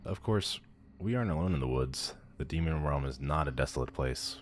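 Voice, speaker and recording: Voicing an arrogant, powerful demon lord for an ASMR roleplay, a man with a very deep voice talks a little fast with lively intonation, and a little hiss or hum can be heard. He comes across as pompous, condescending and theatrical, lofty and instructive, bored but amused.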